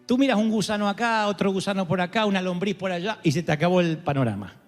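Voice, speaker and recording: A man preaching a sermon to his congregation, impassioned, swinging between shouted cries and hushed tones. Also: sits high, fast talker. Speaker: pastor. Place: church before a congregation. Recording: long hall reverb with faint music.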